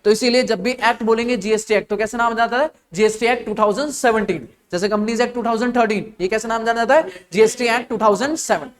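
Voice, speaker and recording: Indian man lecturing with quick questions. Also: extremely high pitch. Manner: quizzing students with repeated questions. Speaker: teacher. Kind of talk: classroom lecture.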